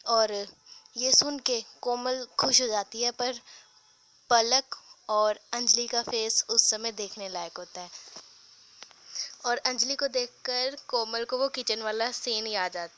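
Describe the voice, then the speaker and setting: A woman's voice: on the high side, slow pace, fairly bright tone. A young woman casually telling a love story, voicing every character in her own voice, with frequent restarts. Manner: narrates and voices all characters in the same voice, with restarts.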